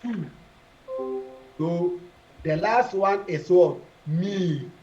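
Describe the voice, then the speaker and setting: A man teaching French verbs to a classroom, slow and deliberate, repeating each form and firing questions at the class. His voice sits a bit high, and the recording sounds muffled and lo-fi. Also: a little mellow, soft background music.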